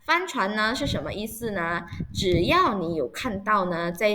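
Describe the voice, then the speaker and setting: A woman's voice: mid-range voice, very animated, moderate pace, background noise. A woman teacher running an online vocabulary lesson for children. She spells words out letter by letter and patiently checks that her pupils understand.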